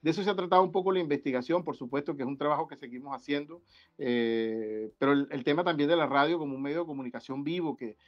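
A man from Venezuela, a guest researcher on an academic video-call panel, talking in a halting way with many restarts and fillers. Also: a little high. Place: indoor room. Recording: dull lo-fi video-call audio.

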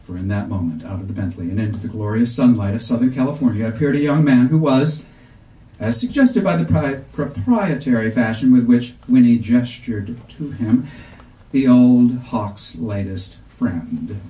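At an indoor bookstore event, a middle-aged author reads first-person comic prose to a seated audience in a wry, arch, measured way. His medium-pitched, mellow voice has lively intonation; the stand mic, recorded from the seats, picks up an echoey room and slight background noise.

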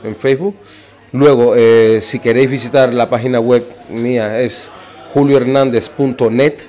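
A man's voice: medium pitch, a little mellow. A man from Cuba with a Cuban Spanish accent, a singer-songwriter interviewed in a small café venue, talking in a chatty, easygoing way into a handheld mic. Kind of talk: casual interview.

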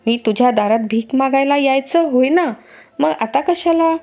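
A woman's voice: high-pitched, moderate pace, darkish tone, highs cut off. A woman voicing a proud, fiery young princess in a storybook reading, with a heated, raised delivery. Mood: furious.

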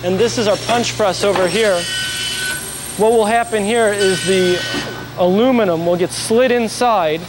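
A man with a fairly high voice walks through a factory, explaining each step of production in a plain, steady way. Machine noise hums clearly behind him on the shop floor. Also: unhurried. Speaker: factory guide explaining brush making. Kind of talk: on-site factory tour explanation.

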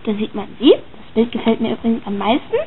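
A woman's voice: on the high side, fast talker, slight background noise. A woman chatting casually and hesitantly as she comments on her own drawings and reads their captions aloud. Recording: tinny phone-like sound.

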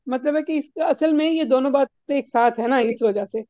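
A woman's voice: high-pitched, dark tone, no room sound, highs cut off. A woman teaching a recitation class, patiently correcting her students' pronunciation step by step over an online call.

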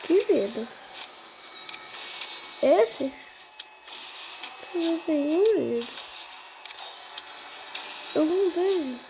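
Young girl, high voice, slow-talking gamer commentary, faint background hiss. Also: expressive. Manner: talks to herself, easily startled. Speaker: gaming channel host. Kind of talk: casual gameplay commentary.

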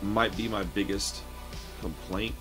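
A man in his late thirties, his voice on the low side, talks slowly through a casual horror movie review from home while music plays in the background. Relaxed and chatty, he keeps calling the listener "man," surrounded by shelves of records and films.

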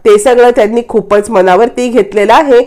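A woman's voice: fairly high pitch, steady tone, normal speed, mellow, lightly acted. A woman narrator voicing a smug, scheming young husband pleased with his plan.

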